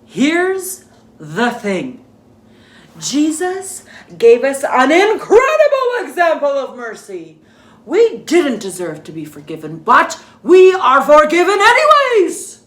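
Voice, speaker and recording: A woman's voice: high voice, huge pitch swings, slow, fairly bright tone, echoey room, exaggerated voice. A woman playing a vain, theatrical female movie star who gushes and dramatizes as she teaches a children's lesson. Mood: dramatic. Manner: grandiose, dramatic, fake-weepy and gushing. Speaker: children's lesson presenter in character.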